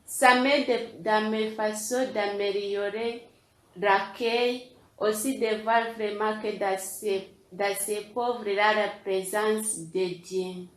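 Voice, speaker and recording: A novice nun speaks very slowly and carefully in a mid-pitched voice, her clear. The room around her adds a noticeable echo. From Rwanda. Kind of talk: personal testimony.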